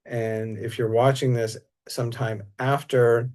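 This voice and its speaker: A massage teacher with a mellow, warm, mid-pitched voice chats casually about his massage training. He takes his time, sounding relaxed and easygoing, and drops in frequent small fillers.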